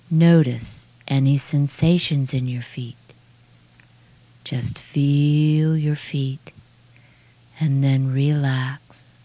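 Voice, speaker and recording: A woman guiding a relaxation meditation in a soft, hushed, soothing voice with measured phrases that trail off breathily. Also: rumbling low, no echo. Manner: slow, measured phrases with long pauses. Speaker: relaxation guide.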